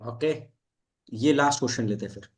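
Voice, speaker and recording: A man's voice: medium pitch, brisk. A man hosting a casual podcast chat as a dating coach, telling stories from his own life in a Hindi and English mix and laughing often.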